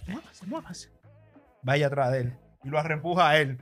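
A man's voice: fairly high pitch, fairly even intonation, fast, fairly bright tone. A man with a Dominican accent telling stories casually among friends, animatedly acting out the people in them. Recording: music playing behind the voice. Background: music.

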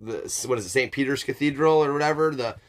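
A man's voice: medium pitch, quick pace. Casual, sweary man chatting. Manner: informal, sweary, emphatic, often seeking agreement. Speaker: podcast host. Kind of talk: casual philosophical chat.

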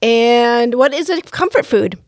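A woman co-hosting a casual educational podcast, upbeat and chatty as she asks quick questions. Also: on the high side, animated. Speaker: podcast co-host.

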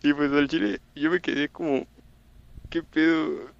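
A man's voice: a little high, steady tone, a little fast, gravelly, lo-fi sound. Slangy young Mexican man telling a story. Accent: Mexican Spanish. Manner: slangy storytelling, voicing his own past reactions. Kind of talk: casual chat. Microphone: voice call.

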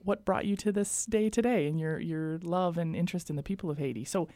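A woman hosts a radio program with a somewhat low, mellow voice. She introduces her guest gently and graciously before easing into the interview. The studio sound is close and dry. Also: a little fast, no room sound. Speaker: radio host.

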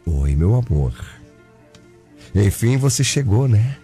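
A man's voice: on the low side, big pitch swings, takes it slowly, warm tone, soft background music, exaggerated voice. An actor playing an obsessive, clingy young man who stalks his ex-girlfriend, in a Brazilian radio drama, smothering and falsely sweet. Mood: creepy sweet.

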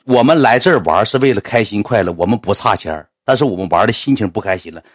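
A man's voice: fairly low pitch, fast talker. A man telling a comic story on a livestream, acting out the dialogue of the people in it. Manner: animated, acts out dialogue in other voices.

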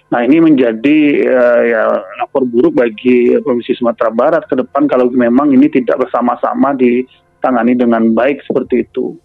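A man giving commentary in a radio interview, often pausing and searching for words as he thinks. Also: mid-range voice, fairly even intonation, creaky, breathy edge, no echo. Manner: hesitant, searching for words with frequent pauses and filler phrases. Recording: thin phone-line sound.

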